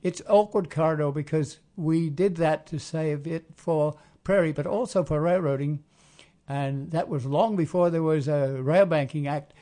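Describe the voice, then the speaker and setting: A man hosting a casual community radio talk, rambling and often pausing to search for words. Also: a little high, mellow. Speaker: radio show host.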